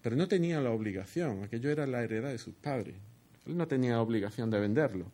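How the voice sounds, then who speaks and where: A man preaches a sermon that explains a Bible passage, asking rhetorical questions and frequently tagging his lines with "¿no?". His medium-pitched voice is warm, animated, and quick, picked up by a headset earpiece microphone.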